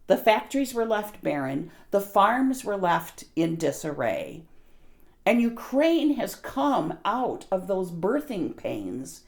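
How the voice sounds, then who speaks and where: A woman's voice: medium pitch, big pitch swings, takes it slowly, gravelly. An American woman telling stories in casual conversation, earnest and emphatic. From United States.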